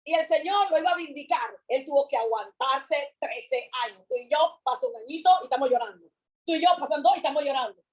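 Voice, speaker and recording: Picture a woman preaching with a high voice. She repeats her lines with fervor and swings between loud calls and hushed words. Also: a little fast, rough recording. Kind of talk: sermon.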